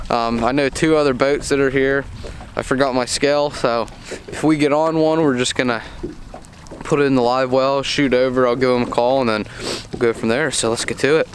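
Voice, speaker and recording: A man's voice: medium pitch, steady tone, a little fast. A man talking casually as a fishing vlogger, his voice slightly muffled through a face mask, in an informal, folksy way. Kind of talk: casual fishing vlog talk to camera. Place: outdoors on a boat on a windy lake. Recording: loud wind and boat noise outdoors.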